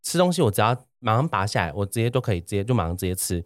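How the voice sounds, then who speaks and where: A man chatting casually as a podcast host in animated, rambling explanations, speaking fluently while wearing dental braces. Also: on the low side, racing, no echo, studio quality. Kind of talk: casual podcast chat with product recommendation.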